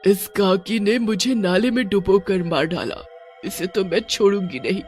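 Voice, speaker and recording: A woman's voice: mid-range voice, unhurried, a little mellow, lightly acted. A witch ghost from a storybook, grim and set on revenge but grieving for her child, as a woman narrator puts her on. She sounds a little distant. Faint music plays underneath her. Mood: vengeful. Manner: grim, vengeful.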